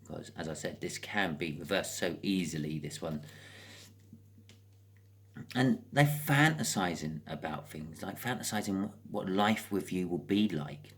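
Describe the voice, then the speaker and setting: Someone British hosts a casual, improvised tarot card reading, chatting and thinking aloud with wry asides. The voice sits low and is expressive, at a measured pace.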